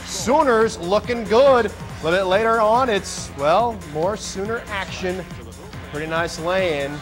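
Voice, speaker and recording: An American man working as a TV sports anchor reads highlights and sports news in punchy, excitable phrases. Even so, his delivery is unhurried, and music plays underneath.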